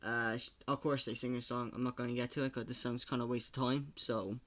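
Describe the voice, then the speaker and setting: A man's voice: medium pitch, level tone, fairly quick, a bit bright. A young man giving a comedic movie recap, swearing and acting out the film's characters. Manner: swearing, jokey, acts out film characters. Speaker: video host.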